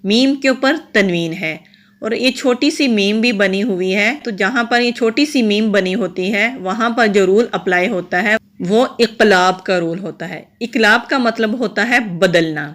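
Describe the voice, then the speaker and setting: A woman teaches recitation rules in a patient, methodical way. She goes through each letter and mark one at a time in an even, mid-pitched voice. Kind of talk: step-by-step tajweed lesson.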